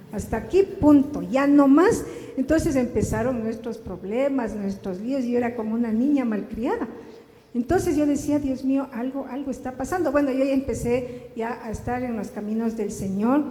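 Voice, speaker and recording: A woman telling her personal story to a congregation, earnest and confessional. Her voice is fairly high and mellow. It rings through a roomy, echoing church hall with a faint hum of ambience. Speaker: church speaker giving testimony. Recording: echoey church hall with faint room noise.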